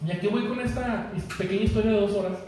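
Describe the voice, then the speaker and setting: A man's voice: high voice, steady tone, rapid-fire, dark tone, slight background noise. A man with a Mexican accent preaching a sermon, telling a personal story in a jokey, chatty way and laughing at his own jokes. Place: church hall. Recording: echoey church hall, mic from far off.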